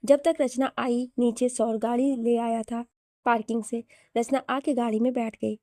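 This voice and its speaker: A woman reading a romantic story aloud as a steady, scripted narration. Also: a little high, normal speed, dry recording, clean studio sound.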